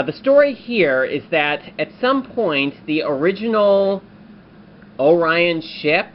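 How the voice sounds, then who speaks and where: A man talking through a toy review in a casual, rambling way, often pausing on fillers. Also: medium pitch, dull audio, slight background noise. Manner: rambling, frequent filler pauses.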